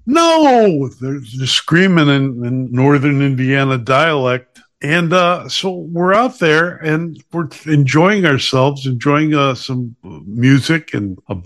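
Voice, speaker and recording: A man's voice: mid-range voice, slow pace, hardly any pauses, a bit bright. A man from Chicago hosting a podcast, reading sponsor spots and sounding off in a sarcastic, combative way. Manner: sarcastic, combative, slips into mocking voices. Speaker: podcast host. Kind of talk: opinionated podcast monologue with sponsor reads.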